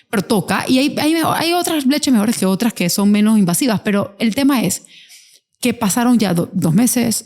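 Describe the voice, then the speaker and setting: A woman's voice: mid-range voice, darkish tone. Woman host telling a story animatedly. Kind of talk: conversational interview.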